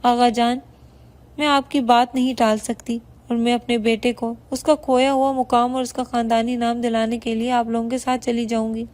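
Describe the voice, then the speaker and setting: A woman's voice: a little high, little pitch movement, darkish tone, close to an everyday voice. A woman voicing a wronged, dignified young wife and mother who speaks with restraint, in a storybook reading. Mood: resolved. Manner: bitter yet respectful, restrained.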